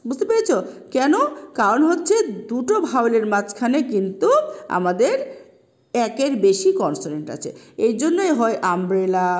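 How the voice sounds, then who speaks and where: A woman's voice: fairly high pitch, a little mellow. A woman teacher explaining English grammar patiently, repeating points and asking checking questions. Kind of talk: classroom explanation.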